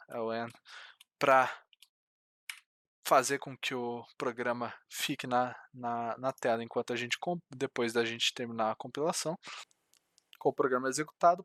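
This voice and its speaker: A man's voice: mid-range voice, fairly bright tone, no echo, clean studio sound. Young man talking through code, hesitant. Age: young adult. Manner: hesitant, many fillers and restarts. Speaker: programming tutor. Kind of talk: screen-recorded coding tutorial.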